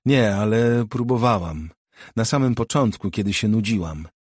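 Anxious young woman, read by a husky-voiced man. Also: fairly low pitch, lively intonation, normal speed, no echo, studio quality. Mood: uneasy. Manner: trembling, soft-spoken. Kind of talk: audiobook character voice.

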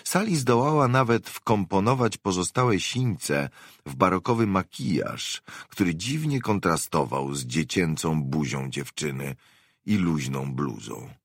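A man reading an audiobook in a measured, expressive storytelling manner. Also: sits low, no room sound, clean studio sound. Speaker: audiobook narrator. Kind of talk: scripted narration.

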